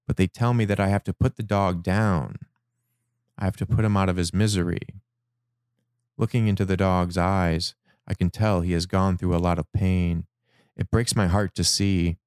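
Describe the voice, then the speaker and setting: A man slowly reading his personal dream journal aloud in a measured, reflective way. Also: deep voice, a little mellow, no room sound, studio quality. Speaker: narrator.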